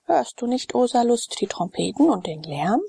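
A woman's voice: on the high side, very animated, normal speed, vocal fry, warm tone, husky, pitched above the performer's own voice, heavily acted. A woman reading the part of a loyal, cautious freedman who earnestly advises his master.

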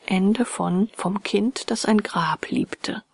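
A woman narrating a fairy tale in a soft, hushed, whispered reading. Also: mid-range voice, takes it slowly, no room sound, clean studio sound. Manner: soft, hushed and breathy delivery.

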